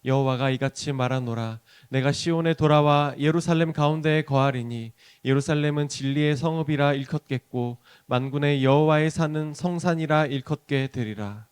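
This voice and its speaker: A man reads Scripture aloud in a smooth, resonant voice that sits a little high. His reading is steady and formal, and each verse comes out evenly. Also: moderate pace, hardly any pauses. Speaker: scripture reader.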